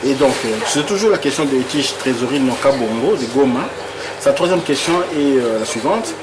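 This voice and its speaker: A male interviewer from Congo works through viewers' questions in a relaxed, conversational way, stumbling and repeating words as he hunts for the right phrase. His voice sits at an ordinary middle pitch. Audible background noise, with an air conditioner humming under him. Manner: halting, repeats words while searching for phrasing. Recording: noisy room with air conditioning.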